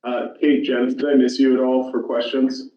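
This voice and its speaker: A man's voice: mid-range voice, little pitch movement. A man chairing a public commission meeting, talking informally and correcting himself as he goes. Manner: informal, halting, self-correcting. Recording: roomy, distant, dull council room audio.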